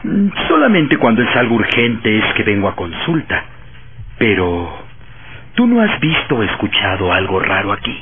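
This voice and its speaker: An actor playing an earnest professor telling an eerie tale in a radio horror drama, deliberate and suspenseful. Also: male voice, lowish voice, big pitch swings, background noise. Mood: grave, suspenseful. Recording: tinny narrowband radio drama under loud music.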